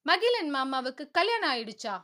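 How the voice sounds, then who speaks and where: A woman's voice: high voice, sing-song, moderate pace, pushed and bright, full character voice. A woman voicing a spoiled, hot-tempered young woman who demands answers in an indignant tone in a storybook reading.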